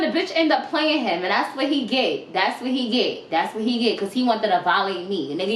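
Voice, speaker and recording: A young woman tells a storytime vlog with animated, profane emphasis. Her voice sits fairly high. It sounds roomy and echoey, with faint background noise. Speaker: vlogger.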